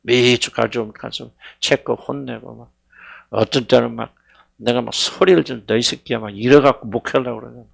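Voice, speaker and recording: A middle-aged man preaching a sermon as senior pastor, fervent, swinging between loud cries and hushed words, questioning his congregation. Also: medium pitch, fairly even intonation, a little fast, vocal fry. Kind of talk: sermon at a Friday prayer meeting.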